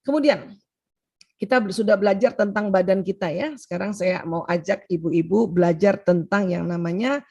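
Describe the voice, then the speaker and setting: A woman's voice: medium pitch, normal speed, creaky, darkish tone, dull audio. A middle-aged woman giving an informal health talk to mothers, chatty, with frequent "ya" and direct address to her listeners. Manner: chatty, addresses the audience as "Bu", often adds "ya".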